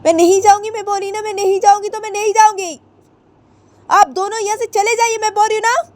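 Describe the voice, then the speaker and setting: A stubborn young woman shouts her refusals in a very high, shrill voice, as a woman narrator puts her on. She keeps repeating herself. The underlying tone stays mellow. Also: steady tone, rapid-fire. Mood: defiant. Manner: shrill, defiant repetition.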